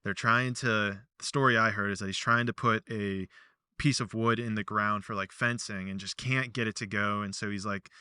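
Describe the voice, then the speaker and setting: A man's voice: lowish voice, normal speed, smooth, no echo, studio quality. A male podcast host telling a story casually, rambling with lots of fillers. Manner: rambling, filler-heavy, animated.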